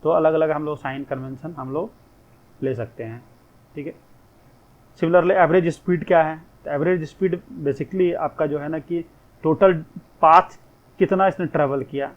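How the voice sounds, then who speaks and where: A man's voice: on the high side, steady tone, normal speed, phone-quality sound. A male physics teacher giving a recorded lecture. He explains step by step, poses questions and answers them himself, and mixes English phrases into his talk.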